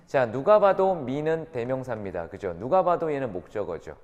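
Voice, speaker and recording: A very animated man with a medium-pitched, darkish voice lectures a class on English grammar at normal speed, often checking understanding with short tag questions. The recording has its highs cut off and echoes in the lecture room.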